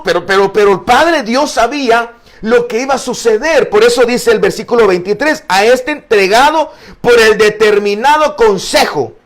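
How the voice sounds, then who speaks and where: Pastor guy with a really high voice walking thru bible verses, lots of "eh" and repeats. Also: a bit bright. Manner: earnest, repeats words, frequent fillers; addresses listeners as brother. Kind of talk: Bible study teaching.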